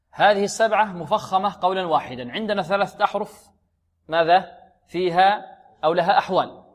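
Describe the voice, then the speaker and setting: High-voiced man teaching Quran recitation. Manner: asks and answers his own questions, slow drawn-out demonstrations. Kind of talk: tajweed lesson.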